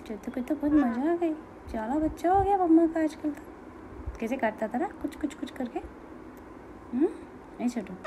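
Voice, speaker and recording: A woman's voice: sits high, lively intonation, normal speed, long pauses. A woman at home talking baby talk to her pet parrot, coaxing and repeating the same sweet words over and over. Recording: loud background noise.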